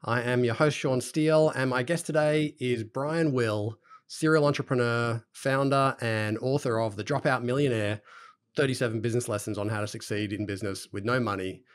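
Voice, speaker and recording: A man's voice: medium pitch, normal speed. A middle-aged Australian man hosting a podcast interview, chatty, with fillers and restarts. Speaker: podcast host. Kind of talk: conversational interview.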